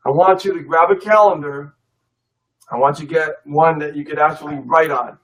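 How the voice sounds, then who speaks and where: A man's voice: a little high, fairly quick, far from the mic, rough recording. A man co-hosting a live online business webinar, coaching listeners in a casual, emphatic motivational way and repeating his key points.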